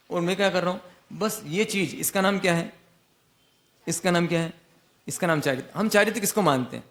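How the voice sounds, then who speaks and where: High-voiced man teaching in a questioning sermon. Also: fairly bright tone. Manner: asks rhetorical questions and answers them himself; repeats and rephrases key points. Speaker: spiritual teacher. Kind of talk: Jain discourse sermon.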